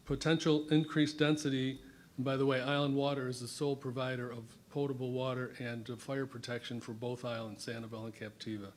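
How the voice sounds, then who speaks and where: Flat-voiced man reading prepared remarks. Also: medium pitch. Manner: reads prepared remarks with fillers. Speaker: resident and water utility president at public comment. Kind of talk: public testimony at a meeting.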